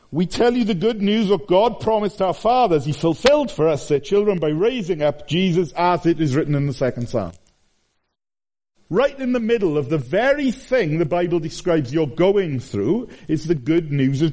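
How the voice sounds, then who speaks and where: Male preacher, middle-aged, slightly high voice, animated emphatic sermon delivery. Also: a little slow. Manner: animated, voice rising and falling with emphasis.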